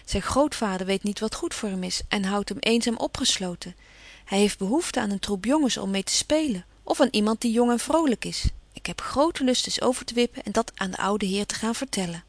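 A woman's voice: mid-range voice, expressive, a little fast, no echo. A woman reading aloud, voicing a spirited, outspoken teenage girl in a storybook. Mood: indignant.

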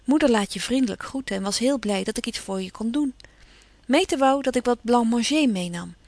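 A woman doing a bold, lively teenage girl Jo. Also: on the high side, brisk, no echo. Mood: chatty.

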